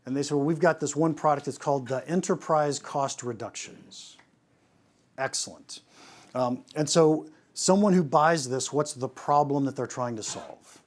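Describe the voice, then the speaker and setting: In a mid-range voice, a male pricing consultant gives a spirited presentation about pricing, full of rhetorical questions and sentences he often starts over.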